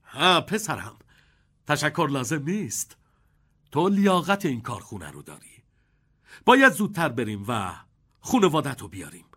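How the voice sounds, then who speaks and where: Eccentric kindly old candy-maker a man voicing him, bright and sing-song. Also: on the high side, big pitch swings, long pauses, slightly rough, exaggerated voice. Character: eccentric elderly male chocolate maker, playful and kindly.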